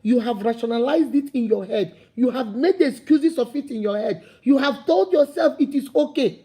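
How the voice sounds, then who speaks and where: A woman with a fairly high, dark-toned voice and a breathy edge speaks expressively at a moderate pace, with a Nigerian accent. Her motivational talk is fervent and preachy, its repeated points building to emphatic calls.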